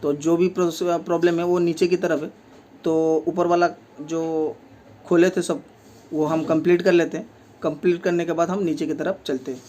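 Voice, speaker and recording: A man's voice: on the high side, level tone, normal speed, darkish tone. A man with speech, a repair technician who explains each step of fixing a table fan in a plain way, with many fillers. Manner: speaks while working with his hands.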